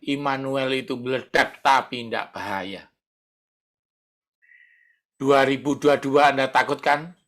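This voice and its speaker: A man's voice: mid-range voice, sharp tone. A middle-aged male pastor, preaching a conversational sermon and acting out prayers.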